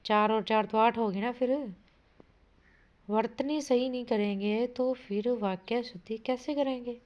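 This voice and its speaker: In dull, lo-fi audio, a woman with a fairly high voice runs a grammar lesson for exam prep at a measured pace and with fairly even intonation. She reads sentences aloud, asks for a word's meaning and corrects it, addressing listeners as "bhai".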